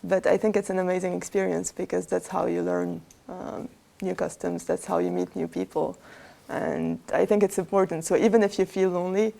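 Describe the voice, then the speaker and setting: Gravelly-voiced young woman from Lebanon. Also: lowish voice, level tone, brisk, dark tone. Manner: friendly, encouraging. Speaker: PhD student panelist. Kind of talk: casual roundtable discussion.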